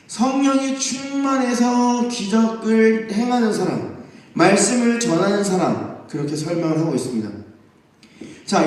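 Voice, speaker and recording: A young man preaching to a youth group, telling the story lively and acting out the voices of the people in it. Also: high-pitched. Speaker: youth pastor. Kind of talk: youth sermon. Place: church sanctuary. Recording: echoey church hall, distant mic.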